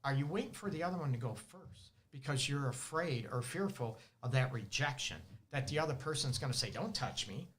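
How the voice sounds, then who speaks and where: A man's voice: mid-range voice, a little fast, few pauses, fairly bright tone. A man with a Detroit accent, a relationship counselor hosting an advice show, talking animatedly and often laughing as he acts out his clients. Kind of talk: casual advice monologue. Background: dogs barking at times.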